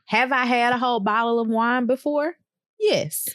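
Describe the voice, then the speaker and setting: A woman co-hosting a podcast, recapping a reality TV episode in casual chat, laughing often and filling pauses with "um.". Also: on the high side, no room sound, clean studio sound. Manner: laughs often, many ums, relaxed storytelling. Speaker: podcast co-host.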